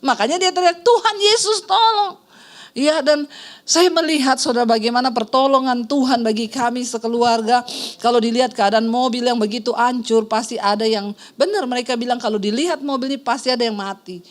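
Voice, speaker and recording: The voice is a woman's, a little high and a little fast. A middle-aged Indonesian-accented pastor, she preaches through a personal testimony, voicing the people in her story and speaking to the congregation as "Saudara."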